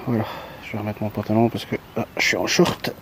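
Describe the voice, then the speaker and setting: A man's voice: on the low side, level tone, fast, background noise. A man talking casually outdoors by the water after a fishing trip, rambling with many hesitations and a resigned tone. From Belgium. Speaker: fishing vlogger.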